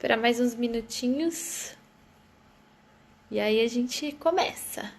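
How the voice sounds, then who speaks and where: A woman's voice: a little high, takes it slowly. A woman hosting a casual live stream, chatting and greeting viewers by name as they join. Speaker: live stream host, therapist.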